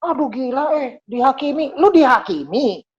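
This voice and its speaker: Woman preacher, animated, higher voice, slightly dull lo-fi recording. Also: moderate pace, husky. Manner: animated, switching between Indonesian and English. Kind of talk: sermon.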